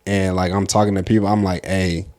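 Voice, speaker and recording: Man, deep low voice, young adult, slangy relaxed podcast talk. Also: brisk. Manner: loose, slangy storytelling with laughs. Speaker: podcast co-host. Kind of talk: casual podcast chat.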